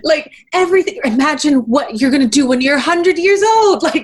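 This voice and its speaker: Her voice sits high, expressive and brisk: a young woman from Taiwan in her twenties, appearing as a musician guest in a casual interview. She laughs a lot and leans on many fillers.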